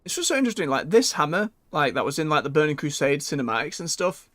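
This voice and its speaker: A man's voice: fairly high pitch, lively intonation, fast talker, a bit bright, no room sound. Chatty man commentating on a game. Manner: chatty, muttering to himself. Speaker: video game streamer. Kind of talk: casual gameplay commentary.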